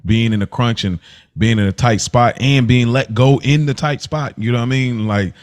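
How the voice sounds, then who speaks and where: A podcast co-host speaks at a normal pace in a mid-range voice, chatting casually. He sounds reflective and emphatic, and he keeps checking that listeners are following him.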